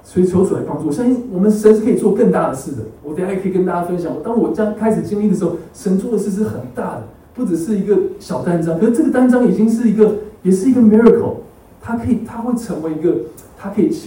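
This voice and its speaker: A man's voice: high voice, rapid-fire, mellow. A man preaching a sermon with a personal testimony. He keeps asking the congregation to agree and drops English words into his talk. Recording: echoey hall, mic far off.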